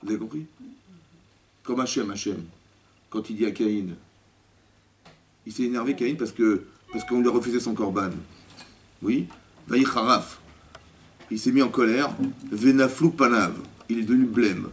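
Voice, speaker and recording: A male rabbi giving a spoken religious lesson to a women's class, lively, often asking the listeners questions and acting out dialogue. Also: mid-range voice, moderate pace, pauses often. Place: community hall classroom. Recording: distant mic with faint background noise.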